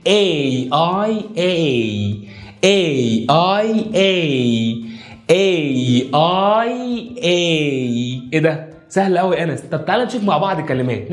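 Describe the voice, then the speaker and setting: A man with an Egyptian Arabic accent teaching English pronunciation at a whiteboard, coaxing his viewers and drilling each sound in a slow chant. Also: sits high, roomy sound. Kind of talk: video lesson at a whiteboard. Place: indoor room with a whiteboard.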